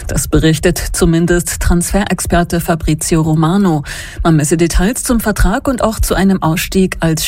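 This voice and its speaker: A woman reading the radio news in a formal, even studio delivery. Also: lowish voice, dry recording. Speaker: news presenter.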